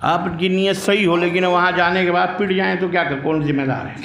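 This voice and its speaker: A man's voice: sits high, steady tone, fairly quick, a crowd in the background. A man, an Islamic scholar, answering audience questions in a blunt, emphatic preaching manner. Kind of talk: religious Q&A talk. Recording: echoey room.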